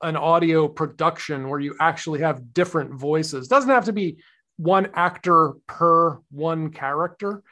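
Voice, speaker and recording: A man's voice: a little high, measured pace, bright, forceful tone. Rambling man on a podcast. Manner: rambling, thoughtful, many fillers and restarts. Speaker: podcast co-host. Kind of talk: casual chat.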